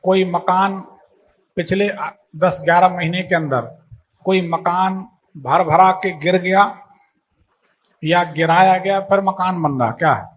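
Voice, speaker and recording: A man's voice: high-pitched, slow pace, pauses often. A man working as an astrologer, taking a caller's questions and pressing her with leading questions. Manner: assertive, leading questions, talks over the caller. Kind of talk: live call-in astrology consultation.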